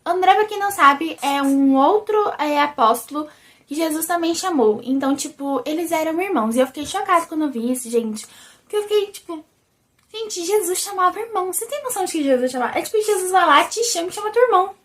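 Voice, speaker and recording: A young Brazilian woman with a childlike, squeaky voice, chatting animatedly to her viewers in a casual religious vlog. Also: fairly quick. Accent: Brazilian Portuguese. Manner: animated and chatty, often calls the viewers "gente". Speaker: vlogger. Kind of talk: casual religious video chat.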